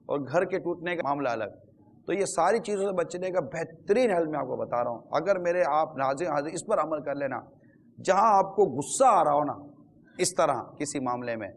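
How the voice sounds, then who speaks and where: A man speaks to viewers in an earnest, advising religious talk. His voice sits a little high, and he breaks into pious formulas and little quoted asides.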